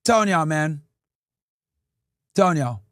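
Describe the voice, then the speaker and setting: A man's voice: fairly high pitch, expressive, slow pace, clear, resonant tone, dry recording, clean studio sound. A podcast host, a man, delivering crude, profane, preachy commentary and speaking straight to his chat. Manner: addresses chat directly. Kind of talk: ranting commentary.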